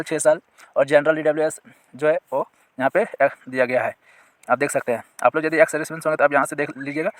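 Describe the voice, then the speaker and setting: A man who teaches exam prep, explaining a recruitment notice to viewers. He reads the notice clauses out slowly, then goes back over them in plain words, asking his audience questions and pointing them to sections on screen. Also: fairly high pitch, fairly bright tone, no echo.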